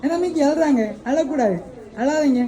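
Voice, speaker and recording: A woman's voice: high voice, fairly quick, mellow, rough recording. A woman hosting a birthday surprise delivery, coaxing a child with repeated questions.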